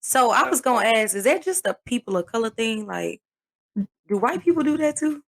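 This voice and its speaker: Animated, profane young woman. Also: fairly high pitch, normal speed. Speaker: podcast guest. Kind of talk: casual chat.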